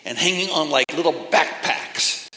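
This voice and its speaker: A man preaching a sermon with emphatic phrasing and pauses between phrases, addressing a congregation. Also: fairly high pitch, pushed and bright. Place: church or meeting hall. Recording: echoey hall from a distance.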